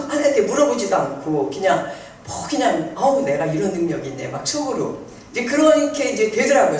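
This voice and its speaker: A woman pastor giving a sermon with a personal testimony, telling her story in an animated, conversational way. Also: medium pitch, a little hiss or hum. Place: prayer house hall. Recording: echoey hall, speaker far from mic.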